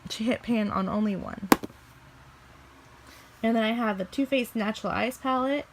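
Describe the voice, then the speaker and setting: Speaking at a normal pace with a fairly high pitch, this Missouri-born beauty vlogger chats about her makeup collection indoors in her bedroom. She's a young Midwestern woman whose allergies leave her voice a bit scratchy. Her talk rambles casually, with little restarts.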